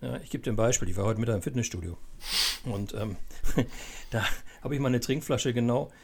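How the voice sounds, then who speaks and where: A man giving calm, explanatory advice in a casual chat, often ending points with tag questions. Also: medium pitch, a little fast, creaky, husky.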